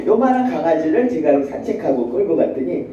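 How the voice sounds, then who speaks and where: A woman professor lectures with a lively, swooping delivery and a deep, mellow tone. Her examples spring to life as she acts out the people in them. She is recorded from across a very echoey classroom, dull and lo-fi, with faint room noise. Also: moderate pace, distant mic. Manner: animated, acts out children and mothers. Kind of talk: university lecture.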